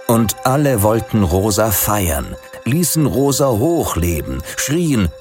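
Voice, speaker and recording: A man's voice: takes it slowly, music in the background. A man reading a literary story aloud, lifting his voice for the quoted lines. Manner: lively, raises pitch for quoted speech. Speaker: narrator.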